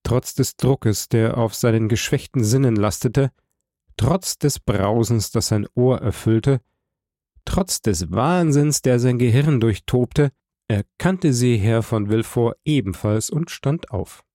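Brief: male audiobook narrator, mid pitch, gravelly, dry close mic. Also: dark tone, dry recording. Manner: measured, dramatic reading. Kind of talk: scripted narration.

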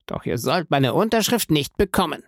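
A man's voice: a little high, expressive, moderate pace, darkish tone, no room sound, clean studio sound, pitched above the performer's own voice. A man reading an audiobook and voicing a panicked, greedy banker held prisoner, who pleads and bargains in frantic outbursts. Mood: defiant.

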